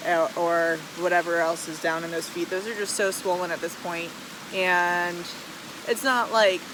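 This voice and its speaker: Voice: mid-range voice, steady tone, background noise. An American hiker recording a casual, rambling video diary outdoors beside falls, hesitating and saying "like" often. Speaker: vlogger, long-distance hiker. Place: outdoors beside rushing waterfall. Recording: loud rushing water behind voice.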